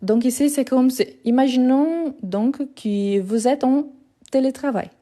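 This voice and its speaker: A woman's voice: high voice, unhurried, warm tone. A woman teaching a live grammar lesson over her phone, explaining patiently, repeating words and correcting herself as she goes. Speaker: French teacher.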